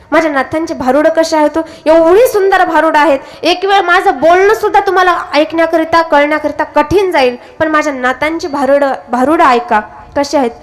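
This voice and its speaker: A woman with a Marathi accent preaching a devotional kirtan sermon, telling stories and putting questions to the audience. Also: high-pitched. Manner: storytelling, questions the audience directly.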